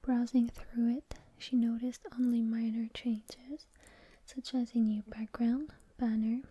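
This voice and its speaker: Whispering woman, soft and dark ASMR reading. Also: a little high, flat delivery, slow, low-quality recording. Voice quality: whispered, breathy unvoiced voice. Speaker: ASMR host reading scary stories. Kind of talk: whispered ASMR story reading with casual rambling.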